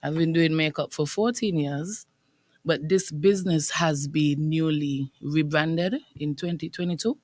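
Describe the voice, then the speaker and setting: A young woman, a business owner, speaking as a guest on a radio interview, articulate and quick to laugh. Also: low voice, fairly even intonation, darkish tone, dry recording. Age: young adult. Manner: articulate, laughs often, upbeat. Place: radio studio.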